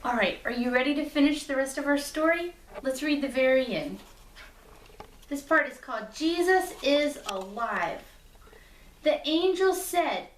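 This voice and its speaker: A woman leading a kids' church lesson for preschoolers, telling a story in a sing-song way to small children. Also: high-pitched. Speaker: children's ministry director. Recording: echoey room, mic at a distance.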